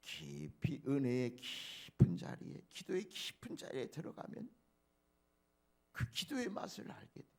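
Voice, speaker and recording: A man preaching a dawn prayer sermon in a fairly high voice. His pitch leaps widely as he drops into soft low asides and rises to loud, emphatic peaks. He speaks straight to the congregation. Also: sing-song, measured pace, vocal fry. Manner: preacherly, addresses congregation directly. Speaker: pastor.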